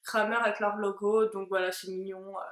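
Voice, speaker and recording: A woman's voice: mid-range voice, flat delivery, brisk. A young woman vlogger explaining her purchases casually, with many hesitant fillers. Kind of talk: casual haul video chat. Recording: echoey room.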